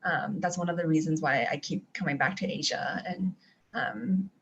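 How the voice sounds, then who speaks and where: On a live-stream video chat from her home in Taiwan, a young woman who works as a traveling teacher talks casually as a guest, with many ums and restarts. Her voice is deep, a bit bright and breathy-edged, at a normal speed, and the video call audio is dull and lo-fi.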